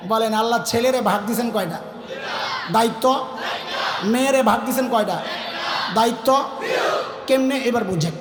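A male preacher with a very high, piercing voice drives a fiery sermon, flinging questions at the crowd and waiting for the answer. His voice booms through a PA system into long, ringing reverb. A big crowd murmurs faintly behind him. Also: noisy background. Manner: call-and-response, shouting questions to the crowd; storytelling with quick voiced asides. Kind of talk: fiery sermon at a large religious gathering. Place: large open-air religious gathering. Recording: echoey PA sound at a crowded outdoor event. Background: crowd of listeners.

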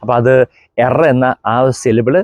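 A middle-aged priest from Kerala giving a German pronunciation lesson, spelling out contrasting sounds and repeating examples slowly. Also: male voice, mid-range voice, little pitch movement, darkish tone, dry recording. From Kerala, India. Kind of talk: explanatory language lesson.

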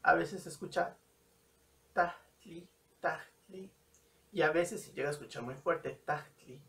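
A man's voice: on the high side, a little fast, gravelly, a bit bright, distant mic. A man teaching a language lesson, carefully repeating example words to show how they sound. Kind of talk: slow spoken language lesson.

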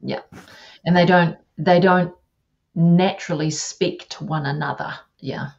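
A woman hosts the chat in a slightly low voice. She keeps up a friendly stream of agreements and enthusiastic asides. Her audio comes through a video call and sounds dull and muffled. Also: steady tone, a little slow, creaky, darkish tone. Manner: chatty, affirming, many "yeah"s. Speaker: interview host. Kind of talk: casual interview chat.

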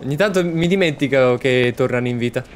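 A man hosting a let's-play, excitedly commenting on his game and chatting to viewers. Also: mid-range voice, fast talker, a little hiss or hum. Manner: excitable, exclaims often, talks to viewers. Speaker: gaming channel host.

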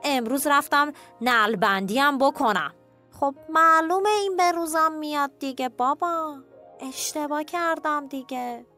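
A woman voicing a greedy male wolf in a children's cartoon story, grumbling in a low, complaining tone. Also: bright, forceful tone, soft background music. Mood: sulky.

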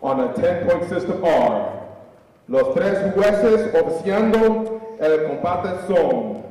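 Man high-voiced ring announcer, drawn-out. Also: big pitch swings, warm tone. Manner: drawn-out showman delivery, switching between English and Spanish. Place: indoor boxing arena. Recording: echoey arena from far off. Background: crowd noise.

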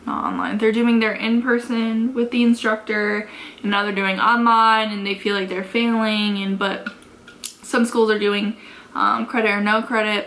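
An American woman in her twenties, a beauty vlogger, chats casually through a makeup tutorial in a carpeted bedroom. She sounds giggly drunk, rambling and swearing freely in an unfiltered way. Her mid-range voice is pushed and bright.

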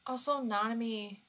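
Woman vlogger, candid and self-correcting, unhurried delivery, bright tone, phone mic. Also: fairly high pitch, low-quality recording. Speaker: anime reaction YouTuber. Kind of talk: casual reaction commentary.

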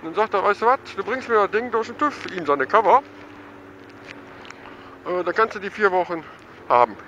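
A middle-aged man giving casual, excited running commentary while riding a motorcycle through town. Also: high voice, moderate pace, dull audio, slight background noise. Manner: chatty and excited, thinking aloud. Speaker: motovlogger. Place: outdoors on a motorcycle in town traffic.

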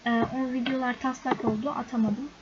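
This gaming YouTuber is a chatty young woman with a high voice that moves little in pitch, and she speaks fairly quickly. Commenting casually on a game screen recording, she often sounds exasperated and talks to her viewers like friends, all captured in a dull lo-fi recording full of loud background noise.

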